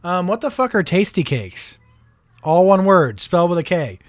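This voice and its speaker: Co-host, relaxed, cussing, lively swinging pitch, dry close sound. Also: moderate pace, no room sound. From not from Philadelphia. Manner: laid-back, swears freely, reads items aloud. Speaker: podcast co-host. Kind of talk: casual chat.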